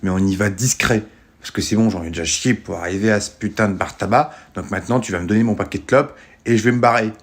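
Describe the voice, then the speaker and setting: A man playing an irritable man in disguise who talks in a hushed voice in a comedy sketch. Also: fairly low pitch, fast talker, voice pushed down, lightly acted.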